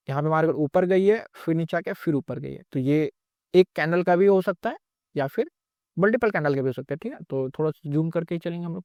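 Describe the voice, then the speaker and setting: A man's voice: on the high side, no echo, highs cut off. A man teaching trading in a recorded lecture, explaining step by step and repeating himself often.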